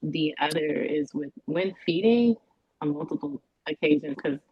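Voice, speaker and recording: A woman testifying as a parent in a custody hearing over a video call, talking haltingly and restarting her sentences as she searches for words. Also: sits low, very animated, vocal fry, breathy edge, dry recording. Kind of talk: court testimony. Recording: dull, dry video-call audio.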